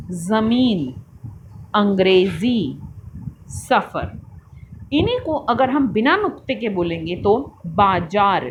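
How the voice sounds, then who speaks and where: Woman teacher for young kids, slow and animated, drawn-out drill words, faint hiss behind. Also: a little high, muffled recording. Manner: addresses children fondly as "beta". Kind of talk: online class lesson.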